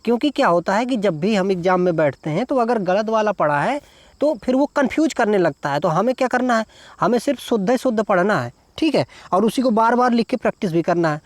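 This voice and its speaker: A man's voice: sits high, lively intonation, a little fast, no room sound. A male teacher giving an exam-prep lesson, explaining each answer step by step and spelling words out syllable by syllable. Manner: explains step by step, repeats "देखिए" and "ठीक है".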